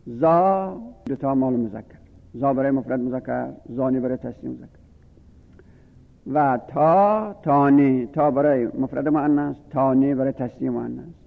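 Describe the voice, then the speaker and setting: Gravelly man lecturing over a tinny line. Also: medium pitch, flat delivery. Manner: patient, repetitive enumeration, drilling word forms. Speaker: religious studies teacher. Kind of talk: lecture on Arabic grammar. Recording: phone-like lo-fi audio with long reverb.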